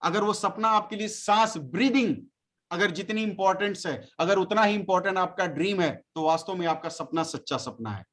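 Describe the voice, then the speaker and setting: High-voiced man giving a fiery pep talk. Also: lively intonation, moderate pace, fairly bright tone. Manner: emphatic, exhorting with rhetorical questions; scolding, chiding listeners. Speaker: network marketing team leader. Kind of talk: motivational speech to a team meeting.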